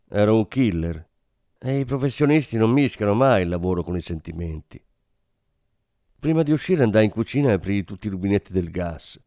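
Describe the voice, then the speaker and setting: Steady, dark-voiced male narrator. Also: lowish voice, dry recording, clean studio sound. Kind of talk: scripted story narration.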